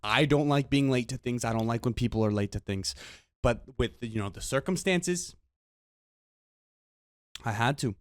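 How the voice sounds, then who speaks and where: Young guy ranting through a storytime, average pitch, dry sound, keeps repeating himself. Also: moderate pace, pauses often, dry recording. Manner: exasperated, rambling storytelling with repeated words and slang. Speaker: vlogger. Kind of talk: storytime vlog.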